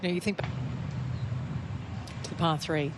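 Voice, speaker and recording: A man with a slightly high voice gives golf commentary as an analyst, talking through play in a conversational way. Noticeable open-air course noise sits behind him. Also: fairly even intonation, moderate pace. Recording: clear outdoor background noise.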